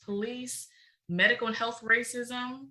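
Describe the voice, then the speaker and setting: Emphatic bright-voiced woman. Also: on the high side, steady tone, rough recording. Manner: passionate, emphatic, fast-flowing. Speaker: guest, researcher. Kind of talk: podcast interview.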